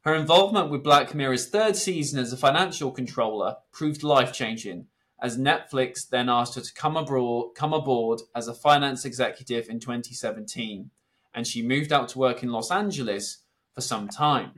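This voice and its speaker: A man's voice: medium pitch, moderate pace, a bit bright. A man hosting a podcast, reading prepared introductions and putting interview questions to a guest. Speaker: podcast host.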